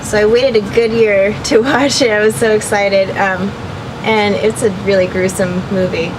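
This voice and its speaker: A woman's voice: mid-range voice, steady tone, moderate pace. Chatty young woman, noisy room. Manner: chatty, laughs often, many fillers. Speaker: actress interviewee. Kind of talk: casual interview.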